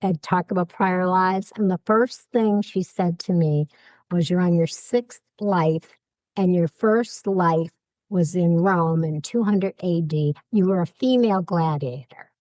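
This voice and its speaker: A woman's voice: lowish voice, unhurried, dry recording, rough recording. A woman guest telling her recovery story openly and acting out the dialogue she quotes. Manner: lively, acts out quoted dialogue. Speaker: podcast guest. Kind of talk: candid personal storytelling.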